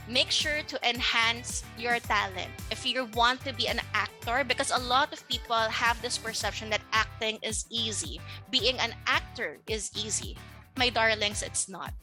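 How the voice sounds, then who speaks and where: Woman with Filipino accent, coach, firm advice, bright tone. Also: a little high, a little slow, soft background music. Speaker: acting coach. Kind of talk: advice to aspiring actors.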